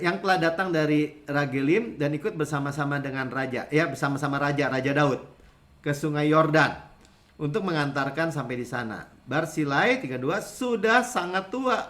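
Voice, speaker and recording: A man preaching a sermon as pastor, in a lively conversational way, acting out other people's voices. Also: a little high, moderate pace.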